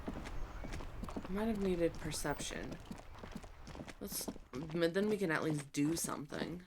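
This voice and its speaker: A woman in casual let's play commentary, wry and joking as she reacts to her game. Her voice sits slightly low, with a faint background hiss. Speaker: gaming channel host.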